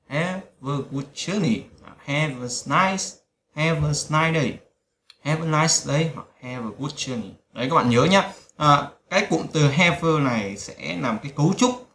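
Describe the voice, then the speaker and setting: A man's voice: mid-range voice, a bit bright, a little hiss or hum. A man teaching a spoken language lesson, repeating phrases and reminding listeners to remember them. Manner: repetitive, drills phrases and keeps telling listeners to remember. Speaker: English teacher. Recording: roomy echo.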